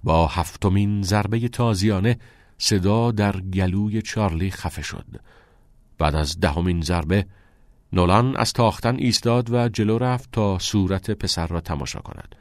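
A man reading a novel aloud as an audiobook narrator in a steady, measured way. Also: deep voice, no room sound, clean studio sound. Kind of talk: scripted narration.

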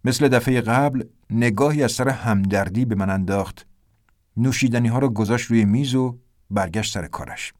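A man reading a first-person story aloud in a plain, steady way. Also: mid-range voice, no room sound, studio quality. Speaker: audiobook narrator.

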